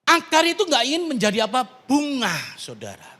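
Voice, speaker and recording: A man's voice: very high voice, sing-song, a little fast, pushed and bright. A man preaching a sermon as pastor, calling out to the congregation with rising, emphatic questions. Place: large church hall. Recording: long hall reverb.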